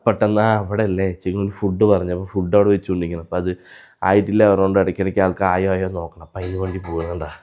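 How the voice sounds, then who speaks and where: A man holds his phone and chats to his followers through a morning at home. His voice sits very low and warm, and he talks to the camera in a casual, running way. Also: level tone, very fast, dry recording. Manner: chatty, talks straight to viewers. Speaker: vlogger. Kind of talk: casual daily vlog narration. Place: family home, early morning. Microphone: handheld phone.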